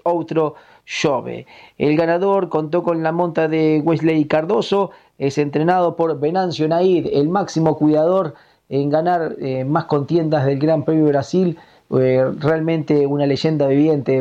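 A radio correspondent with a Uruguayan accent gives a formal, measured report of horse racing results. His voice is fairly high and mellow, and the sound is lo-fi.

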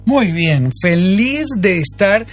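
A middle-aged man, director of a family ministry, speaking in a measured way on a radio talk show. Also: sits high, very animated, faint music behind.

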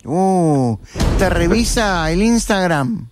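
Argentine male radio host, high pitch, jokey and needling, loud music bed behind. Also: lively intonation, takes it slowly. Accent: Argentine Spanish. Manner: teasing, playful, jokey. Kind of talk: call-in radio banter.

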